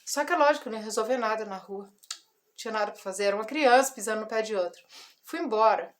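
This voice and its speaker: A woman's voice: fairly high pitch, fast. A woman in her forties gives a personal testimony in a casual vlog, telling a story with emotion and acting out the dialogue. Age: 40s. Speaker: ministry vlogger.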